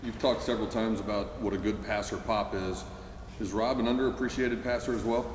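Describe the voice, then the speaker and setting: A man's voice: on the low side, steady tone, a little fast. A man asking a coach detailed, stat-based questions at a press conference. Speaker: sports reporter. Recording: echoey room with faint hiss.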